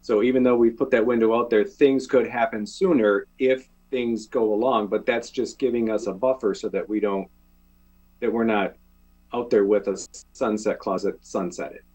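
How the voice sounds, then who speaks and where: A man on a city council speaks in a public meeting over a video call. He talks in a loose, conversational way. His voice sits somewhat low. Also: steady tone, normal speed, darkish tone, husky. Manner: informal, conversational.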